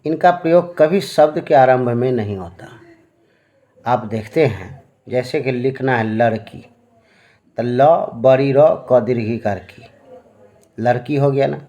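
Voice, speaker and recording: Here a mellow, medium-pitched male voice with the highs cut off explains Hindi grammar at a board in a classroom. He's slow and patient, leaning on fillers and often checking with "है ना?" whether the children understand.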